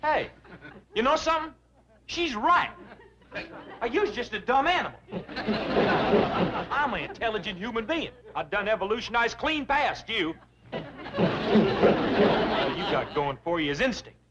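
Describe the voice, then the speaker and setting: A man's voice: very high-pitched, sing-song, a little slow, pauses often, heavy background noise, heavily acted. An actor playing a dim-witted, boastful young hillbilly man with a drawl, in 1960s sitcom style. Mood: goofy. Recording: dull old TV audio with loud laugh track.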